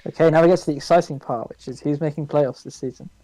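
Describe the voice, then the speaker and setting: A man co-hosting a casual podcast chat over a voice call, talking quickly and chattily. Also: fairly high pitch, fairly even intonation, dark tone, soft background music, poor audio. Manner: quick, chatty, laughs easily. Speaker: podcast co-host. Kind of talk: casual chat about a board game.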